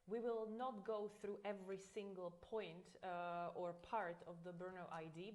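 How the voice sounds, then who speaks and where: A woman from Slovakia, a client services consultant, presenting a webinar in a relaxed way with many fillers. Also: medium pitch. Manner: relaxed, hesitant with many fillers, laughs easily. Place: online webinar.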